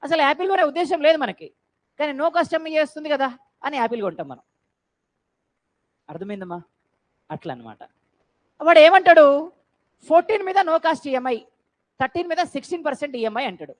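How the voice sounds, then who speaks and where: A woman teaching a class, quizzing students and urging them to answer loudly. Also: high voice, sing-song, fairly quick, long pauses, rough recording. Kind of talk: classroom lecture.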